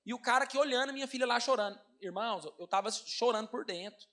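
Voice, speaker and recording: A Brazilian-accented male pastor tells a sermon story at a rapid clip. His voice rides high and lively, and he keeps turning to the congregation to call them brothers. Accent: Brazilian Portuguese. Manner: animated, addresses congregation as brothers.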